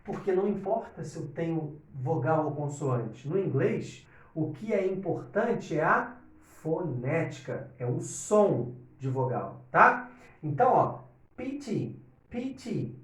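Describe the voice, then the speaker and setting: Man, English teacher, native Portuguese speaker, high lively voice, explains step by step, roomy sound from a distance. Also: unhurried. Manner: animated, explains step by step, checks in with "ok?". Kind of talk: online English lesson. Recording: echoey room, distant from mic.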